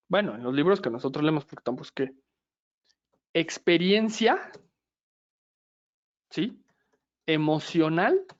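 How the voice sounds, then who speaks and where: A man's voice: fairly high pitch, highs cut off. A male lecturer, explaining step by step and checking in with the class again and again. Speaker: lecturer in systemic therapy.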